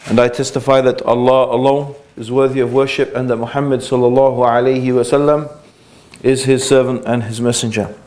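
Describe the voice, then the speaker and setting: A middle-aged man lecturing an audience about his own story. He talks in a loose, conversational way, with many fillers, asides and restarts, at a medium pitch. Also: level tone, fairly quick, a little mellow. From England. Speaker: Islamic lecturer. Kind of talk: informal religious lecture.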